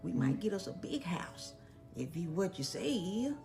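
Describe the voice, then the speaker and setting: A woman voicing a cautious old-time Southern woman in a comic skit, speaking in soft murmurs with a put-on Southern US dialect. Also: lowish voice, sing-song, moderate pace, soft background music. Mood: hushed.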